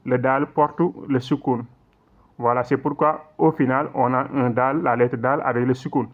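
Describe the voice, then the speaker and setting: A man teaching recitation rules in an online lesson, explaining patiently, checking in often, and reciting examples slowly. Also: mid-range voice, steady tone. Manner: patient, repetitive explaining with frequent check-ins; slow drawn-out recitation in demonstrations. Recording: tinny phone-like audio.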